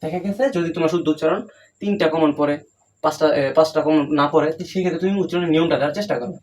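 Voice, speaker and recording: A young man coaching students for an exam, talking fast and often checking in with them as he explains the paper section by section. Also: fairly high pitch, fairly even intonation, darkish tone, low-quality recording. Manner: rapid, coaching, repeats "ঠিক আছে?" to check in. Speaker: exam tutor. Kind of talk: exam-prep lesson.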